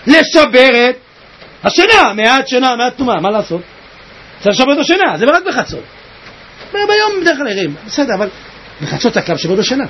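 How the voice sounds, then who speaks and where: Husky high-voiced guy preaching, yells and cries then drops real low, big swings. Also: very animated, pauses often, slight background noise. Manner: swings from shouting and crying to low murmurs. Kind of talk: impassioned sermon.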